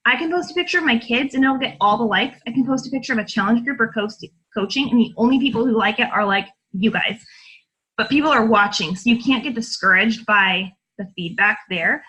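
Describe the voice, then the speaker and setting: Mulher animada e de voz clara. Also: female voice, on the high side, bright, forceful tone, slightly rough, rough recording. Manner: chatty, encouraging, fast-talking with many fillers. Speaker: fitness coach. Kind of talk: coaching call, casual talk.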